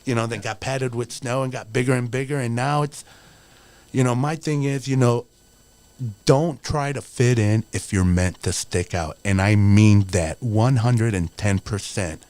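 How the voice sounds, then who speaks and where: Talking at an unhurried pace in a mid-range, slightly mellow voice, a wrestler in his forties guests on a casual podcast. He's earnest and motivational but rambles, leaning heavily on "you know" and other fillers. The tone is clean and the recording dry.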